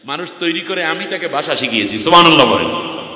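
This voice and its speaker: A man's voice: a little high, expressive, fast talker, sharp tone. A man with a southern Bangladeshi Bengali accent preaching a sermon at a large gathering, chanting verses in a sing-song and throwing rhetorical questions to the crowd. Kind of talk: Islamic sermon at an outdoor gathering. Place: large open-air religious gathering. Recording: echoey live sermon PA sound.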